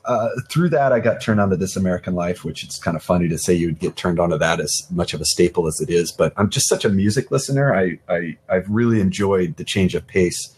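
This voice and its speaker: Low-voiced man chatting as a podcast guest. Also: fast talker, hardly any pauses, darkish tone, breathy edge. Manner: rambling, laughs often, many restarts. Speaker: podcast guest, art director. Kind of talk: casual chat.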